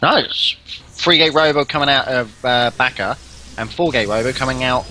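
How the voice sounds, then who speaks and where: A man casting a live video game match, getting excited at big plays. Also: medium pitch, moderate pace, slight background noise. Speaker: esports caster.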